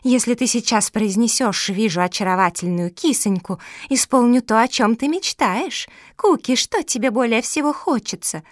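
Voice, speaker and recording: A woman's voice: on the high side, moderate pace, few pauses, no room sound, studio quality, natural voice. A woman voicing a sly, wicked sheepdog monster in a storybook reading, coaxing and wheedling.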